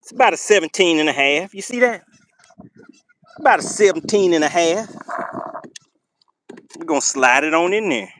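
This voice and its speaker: A man commentating a live fishing stream to his chat from a boat on a lake, excitable and teasing, laughing often. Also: a little high, normal speed, pauses often, a little hiss or hum.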